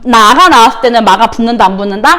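Bright-voiced woman teacher drilling pronunciation. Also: fairly high pitch. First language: Korean. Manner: drills words with repeated call-and-response prompts; slow, exaggerated pronunciation of Chinese words. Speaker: middle school Chinese teacher. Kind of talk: recorded online language lesson.

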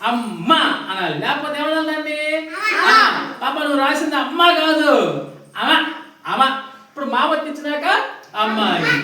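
A woman's voice: on the high side, a bit bright. A woman teaching a class of young children, asking them questions and coaxing answers out of them. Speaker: primary school teacher. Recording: echoey classroom from far off.

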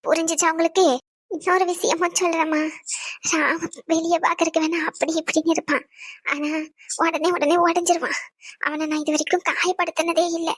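A woman's voice: very high-pitched, no echo, clean studio sound. A woman voicing a stern but caring older mother in a cartoon who lectures and scolds her family. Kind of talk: cartoon voice acting.

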